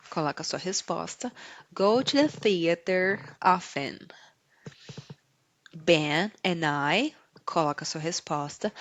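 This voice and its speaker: A woman hosts an English lesson podcast at a slow, patient pace. She drops into an even slower, deliberate delivery whenever she models an example sentence. The recording is dry and close. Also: fairly low pitch, dry recording. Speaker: English teacher. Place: San Diego, California.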